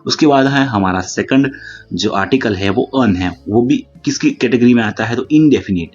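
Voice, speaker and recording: A man teaching English grammar from notes, often saying "look" and slowing down to read English rules aloud. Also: medium pitch, darkish tone, slightly rough. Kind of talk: explaining lesson with notes. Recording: dull lo-fi audio with faint music.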